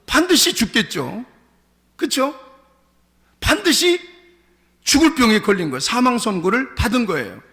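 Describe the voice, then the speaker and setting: A male pastor preaching with a bright, high, lively voice that swoops through wide pitch. He calls his congregation to repeat after him. A long church reverb hangs behind every phrase. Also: normal speed, long pauses. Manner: animated, leads congregation in call-and-response. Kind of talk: sermon. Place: church sanctuary.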